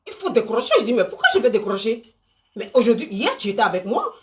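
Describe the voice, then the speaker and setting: An animated woman from Côte d'Ivoire talks to viewers on an unscripted live stream, her voice slightly high and her pace quick. As host, she speaks to them directly, stressing points emphatically and repeating herself.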